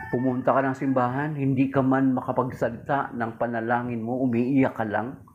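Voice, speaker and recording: Filipino preacher over a tinny line. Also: male voice, mid-range voice. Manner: conversational, often addresses listeners as brothers and sisters. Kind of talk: homily mixing Tagalog and English. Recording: phone-like narrow sound with faint noise.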